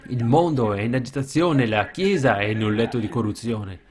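A man preaching a sermon with passion, swinging from loud shouted peaks down to quiet, low asides. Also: lively intonation, normal speed, crowd noise. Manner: impassioned, rises to shouts then drops low.

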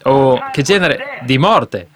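A man preaching to a congregation in an ordinary mid-range voice. He presses his points with rhetorical questions, pushes up into loud emphatic bursts, then drops into quieter asides. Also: animated, takes it slowly, crowd noise. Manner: swings between sudden raised bursts and low asides. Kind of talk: sermon.

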